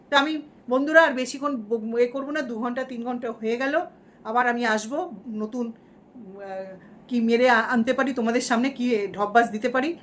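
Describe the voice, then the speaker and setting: A woman's voice: high-pitched, a bit bright. A woman playing a boastful, shameless female vlogger villain who gloats in mock-defiant rants during a parody livestream. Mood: mock farewell.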